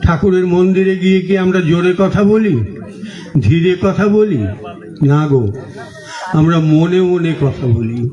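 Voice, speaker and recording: A high-voiced man with a Bengali accent preaches at a slow, easy pace. He puts questions to his listeners and answers them himself, and the recording is dull and lo-fi with a roomy echo. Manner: unhurried storytelling with gentle humor. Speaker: monk giving a religious talk. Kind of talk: sermon.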